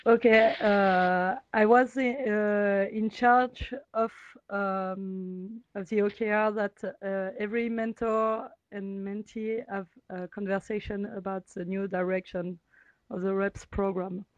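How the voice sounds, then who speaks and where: A woman giving a halting update in an online meeting. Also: mid-range voice, steady tone, no echo. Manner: halting, deliberate. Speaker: program mentor coordinator. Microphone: video call. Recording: dull, dry lo-fi audio.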